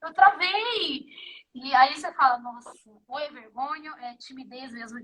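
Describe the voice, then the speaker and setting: High-voiced Brazilian woman telling a lively story. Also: normal speed, a crowd in the background, poor audio. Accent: Brazilian Portuguese. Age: 50s. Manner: animated storyteller who acts out the dialogue. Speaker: guest. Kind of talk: casual interview chat.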